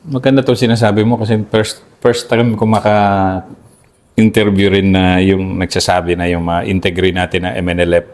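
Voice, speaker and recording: A man's voice: low-pitched, level tone, moderate pace, a little mellow. A middle-aged man interviewing a soldier, asking brief, inquiring follow-up questions in a casual way. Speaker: interviewer, retired colonel.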